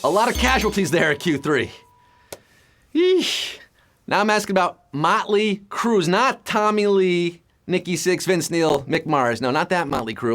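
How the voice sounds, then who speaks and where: With sudden leaps in pitch and a fairly bright voice, this male quizmaster runs a live trivia game show. He reads the questions aloud, keeping up a stream of playful jokes.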